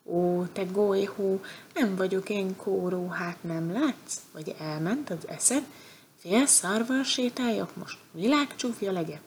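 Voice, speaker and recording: A woman's voice: lowish voice, steady tone, creaky, slight background noise. A woman voicing a goat in a storybook tale, scolding and emphatic. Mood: indignant. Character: indignant goat with a broken horn, later kind.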